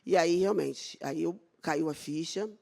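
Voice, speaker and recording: A woman's voice: sits low, measured pace, vocal fry, darkish tone. A middle-aged Brazilian woman and dermatologist, giving a spirited talk about her own story. She acts out the dialogue in it and brings her faith into it. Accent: Brazilian Portuguese. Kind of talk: personal testimony talk on stage.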